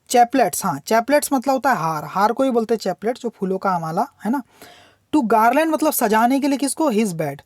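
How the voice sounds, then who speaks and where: A woman's voice: on the high side, darkish tone, no echo, studio quality. Woman teacher explaining a poem. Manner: slow, drawn-out reading of English lines, then quick Hindi explanation; asks questions and answers them herself.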